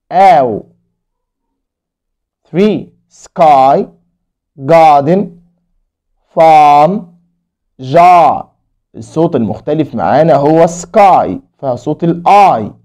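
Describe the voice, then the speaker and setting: A man's voice: a little high, dark tone. A man with an Egyptian Arabic accent teaching English to young children, repeating each word and spelling it out letter by letter. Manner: drills words by repeating them and spelling them out letter by letter.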